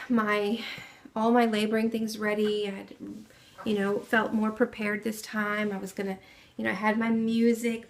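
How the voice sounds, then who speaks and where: Soft-spoken young mother telling a story. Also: medium pitch. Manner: soft-spoken, many fillers and restarts. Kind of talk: casual spoken story to camera.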